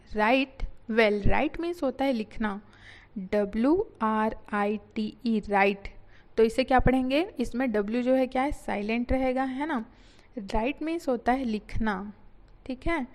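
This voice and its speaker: A woman teaching English vocabulary in a patient lesson, spelling words out and repeating key phrases slowly. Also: fairly high pitch, darkish tone.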